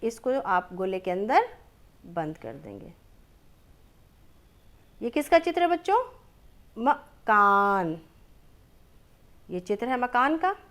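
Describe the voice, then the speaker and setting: A woman teaching young children, reading words aloud slowly and drawn out, asking questions and then answering them herself. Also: fairly high pitch, sing-song. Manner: slow and drawn-out, stretches each word.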